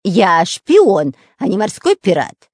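A reader voicing a touchy, boastful long-nosed male spy in a storybook reading, with a whiny, excitable manner. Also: medium pitch, normal speed, no echo, clean studio sound, pitched above the performer's own voice. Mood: squabbling.

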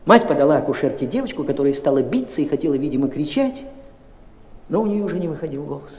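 A man giving a dramatic literary reading, expressive and tense, swinging between loud and hushed. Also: on the high side, fast talker. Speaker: audiobook narrator. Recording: roomy, long reverb.

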